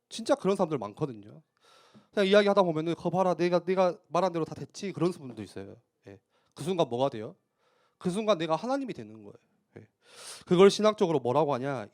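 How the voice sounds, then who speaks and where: Lively-pitched man preaching a sermon. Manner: conversational preaching with frequent "예" affirmations and rhetorical questions. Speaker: youth pastor. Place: church.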